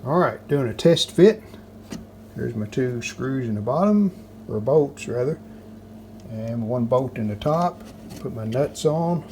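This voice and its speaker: A restoration video host casually talks through his hands-on repair work step by step, plain-spoken and matter-of-fact. His medium-pitched voice is animated, unhurried and darkish, with clearly noticeable background noise in the recording.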